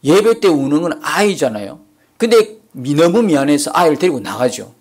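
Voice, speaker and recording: A male pastor preaching a Sunday sermon, moving from emphatic peaks to soft, quiet asides. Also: on the high side, big pitch swings, normal speed, breathy edge. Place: church sanctuary.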